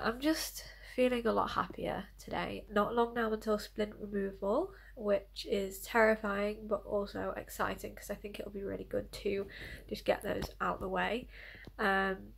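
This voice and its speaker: A young adult woman giving a casual, candid personal update as a vlogger, speaking in a halting, slightly self-conscious way. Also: mid-range voice, level tone, creaky, fairly bright tone, slight background noise, low-quality recording.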